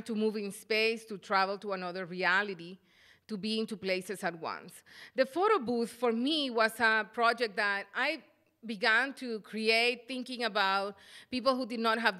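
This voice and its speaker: A middle-aged woman from El Salvador gives an artist's lecture at a podium microphone, thoughtful and halting with frequent fillers. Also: medium pitch, bright, forceful tone. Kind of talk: lecture presentation.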